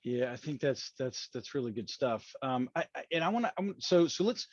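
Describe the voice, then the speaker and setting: A man's voice: medium pitch, expressive, moderate pace, no echo. A man from West Virginia with an Appalachian accent, hosting a conversational interview in a rambling, folksy, self-correcting way. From West Virginia, USA. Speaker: podcast host. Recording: dull, muffled lo-fi audio.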